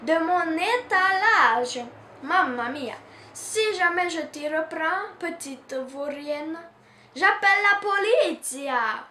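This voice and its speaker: A red-faced grocer bellows and scolds in a high, booming storybook voice, as a woman reader puts him on. The sound carries a roomy echo with a faint hiss behind it. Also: expressive, takes it slowly, full character voice. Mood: furious. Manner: shouting, scolding, theatrical outbursts. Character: furious middle-aged male Italian grocer.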